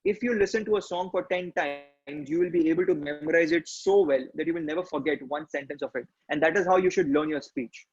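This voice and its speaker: Indian English male trainer, fairly high voice, a bit husky, instructive and quick, dull online-session audio. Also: darkish tone. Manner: instructive, fast, frequent tag questions. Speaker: public speaking trainer.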